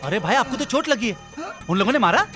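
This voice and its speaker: A man's voice: very high voice, very animated, fast talker, pushed and bright, soft background music, full character voice. An actor playing a dim-witted, worried male gang henchman who speaks plainly. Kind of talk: Hindi film comedy acting.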